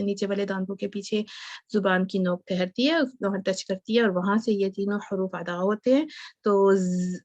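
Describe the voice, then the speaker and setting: Woman teacher explaining letter sounds, patient, keeps asking okay?, mid pitch, dry close mic. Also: darkish tone, no room sound. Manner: patient, repeats sounds slowly and checks with "okay?"; mixes English words into her explanation. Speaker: Quran recitation teacher. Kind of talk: online tajweed lesson.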